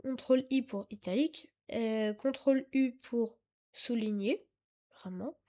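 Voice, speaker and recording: Sitting at her computer, a woman hosts a casual screen-recorded tech tutorial in a slightly high, mellow voice at a measured pace, with dull-sounding audio. Hesitant and apologetic but chatty, she fills her speech with fillers and self-corrections, and at times drifts too far from her desktop mic.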